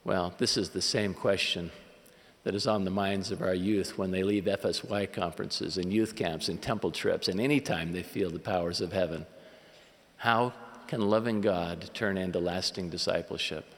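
A man giving an earnest, measured sermon as a church leader at a conference. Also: sits low, steady tone. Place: large conference hall. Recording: long reverb of a large hall.

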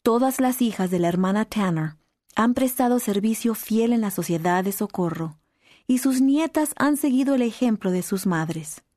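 A woman narrates in a calm, measured reading voice. Her tone is mellow and dark, recorded dry on a close studio mic with no room sound. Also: fairly high pitch, no echo. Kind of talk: scripted narration.

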